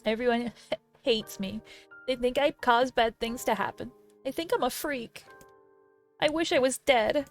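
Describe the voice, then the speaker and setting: A bullied orphan girl, quiet and hopeless, her voice lifting slightly higher, as a woman reads her part in a storybook. Soft music plays faintly. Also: moderate pace, close to an everyday voice. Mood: despairing.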